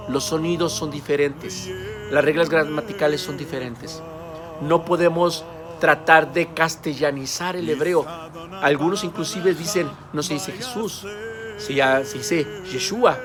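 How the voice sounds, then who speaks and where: Male preacher, emphatic and direct, slightly high voice, music bed under him. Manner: earnest, emphatic, addresses the listener directly. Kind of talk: sermon-style teaching.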